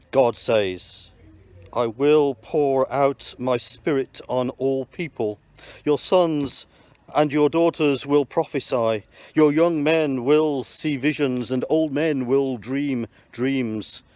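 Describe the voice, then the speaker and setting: A man's voice: medium pitch, a little mellow, dry recording, natural voice. A man reading the part of the apostle Peter, proclaiming earnestly to a crowd, with small slips. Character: Peter, bold male apostle addressing a crowd. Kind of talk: church Bible reading in parts.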